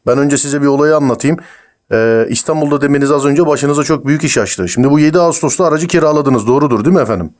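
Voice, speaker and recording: A man making a prank phone call as a stern crime officer, interrogating in a pushy, rapid-fire way. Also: a little high, a little mellow.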